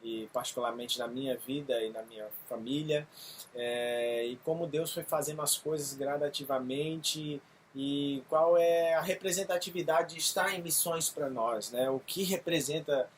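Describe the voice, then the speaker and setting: A man's voice: on the high side, slight background noise. Earnest pastor in his thirties. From Brazil. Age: 30s. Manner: earnest, halting with frequent fillers. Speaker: missionary pastor. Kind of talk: testimony video.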